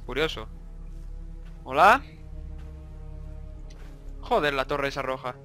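A man's voice: medium pitch, animated, slow pace, bright, forceful tone, faint music behind. A young man from Spain with a Spanish accent, commentating a horror game he plays, swearing a lot and jumping between jokes and startled outbursts. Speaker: gaming YouTuber.

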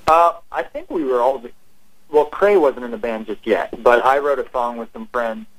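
A man's voice: medium pitch, normal speed. Young man joking on a phone call. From California. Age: 20s. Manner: relaxed, joking, polite. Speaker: band member, guest. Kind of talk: casual interview by phone.

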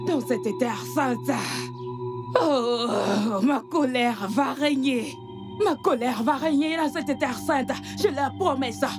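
Woman doing boastful angry gang queen mom, slow delivery, music under it. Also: high voice. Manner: boastful, wrathful. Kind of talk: dubbed film dialogue. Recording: film score underneath.

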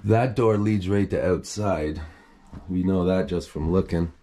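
Exploring an abandoned, empty house indoors, this host thinks aloud and admires the place while filming on a handheld camera. He speaks low and mellow in an unhurried way, with a little hiss or hum on the recording.

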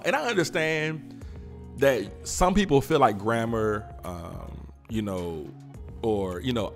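Podcast guy, mid pitch, really animated, keeps laughing and asking why. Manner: animated, laughing often, teasing rhetorical questions. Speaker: podcast host. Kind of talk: casual commentary.

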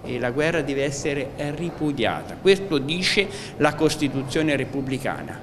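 A man's voice: medium pitch, lively intonation, measured pace. A man, a politician, giving a formal, earnest speech in a council chamber. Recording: reverberant council hall with noise.

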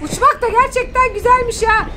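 Mom gamer, very high bright voice, excitable play-by-play over background noise. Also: female voice, brisk. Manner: excited, cheering, addresses viewers as friends. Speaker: mother playing a video game with her daughter. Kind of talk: lively family gaming commentary.

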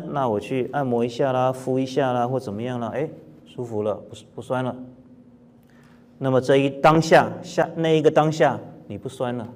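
A man teaching Buddhist scripture in a calm, plain-spoken lecture, asking his listeners rhetorical questions and now and then clearing his throat. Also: mid-range voice. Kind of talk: dharma lecture.

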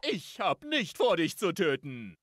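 An actor playing a pompous, smug, muscle-bound superhero turned villain in a video game, with theatrical, gloating delivery. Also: male voice, sits high, wildly swooping pitch, a little slow, a bit bright, no echo, studio quality, heavily acted. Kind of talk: German video game dub acting.

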